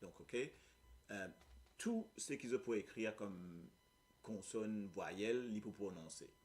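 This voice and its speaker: A man's voice: lowish voice, animated, slow pace, a little mellow. A man with a Mauritian accent teaching a Creole lesson, explaining patiently and often checking that his listeners follow. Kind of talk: live language lesson.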